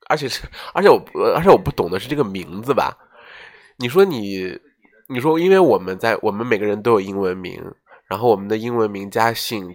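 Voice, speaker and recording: A young man hosting a casual podcast chat, telling a story and acting out the quoted lines. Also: fairly low pitch. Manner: animated storyteller, acts out quoted dialogue. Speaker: podcast host.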